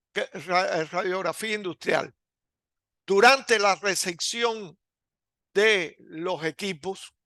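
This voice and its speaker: A man giving a recorded lecture over slides, slow and deliberate, with frequent hesitations and restarts. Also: high-pitched, pushed and bright, smooth, no echo, studio quality.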